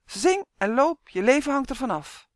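A woman reading an audiobook, voicing a spirited, cheerful little dwarf girl who talks in a bright, bossy way. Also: medium pitch, sing-song, a little fast, dry recording, studio quality, natural voice. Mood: urging, cheerful. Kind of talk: audiobook character voice.

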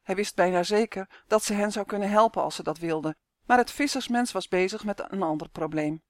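A woman narrates a storybook in calm, even tones, with a mid-pitched voice. The sound is dry and close, with no room echo. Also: fairly quick. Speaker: audiobook narrator.

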